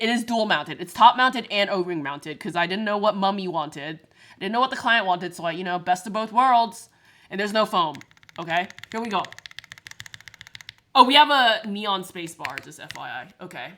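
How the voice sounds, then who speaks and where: A woman's voice: medium pitch, lively intonation, moderate pace, pushed and bright, poor audio. A woman livestreaming, chatting casually and rambling to her chat, swearing freely.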